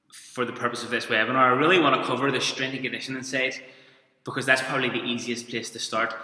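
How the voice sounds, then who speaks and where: Speaking with a Belfast accent, this thirty-something strength and conditioning coach from Northern Ireland runs a webinar informally, stumbling and restarting often. His mid-range voice sounds pushed and bright, and a long reverb fills the echoey room.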